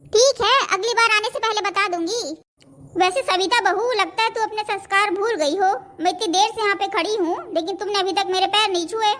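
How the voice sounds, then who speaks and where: A woman's voice: very high voice, a little fast, a bit bright, a little hiss or hum. A woman voicing a stern, bossy old grandmother-in-law in a cartoon, commanding and scolding. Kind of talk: cartoon voice acting.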